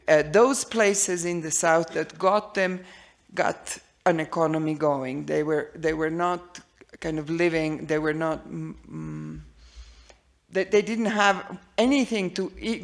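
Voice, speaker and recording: A woman's voice: lowish voice, creaky. Woman panelist. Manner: measured, frequent restarts and fillers. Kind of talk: conference panel remarks.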